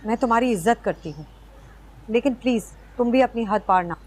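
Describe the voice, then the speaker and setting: A woman's voice: on the high side, fairly quick, darkish tone, natural voice. An actress playing a proud young woman who speaks firmly and defiantly. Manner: firm, defiant. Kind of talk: TV serial acting. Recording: background music score.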